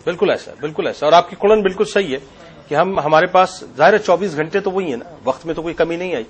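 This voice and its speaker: A man's voice: a little high, breathy edge. A man hosting a call-in religious talk show, asking callers short questions and answering them attentively. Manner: brief, attentive replies, steady questioning of callers.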